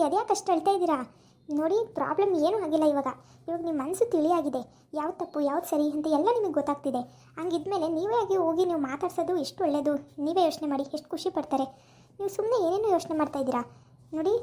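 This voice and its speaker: [name], a woman voicing an insistent young wife, scolding questions, very high voice, brisk rapid delivery, amateur village drama. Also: mellow, natural voice.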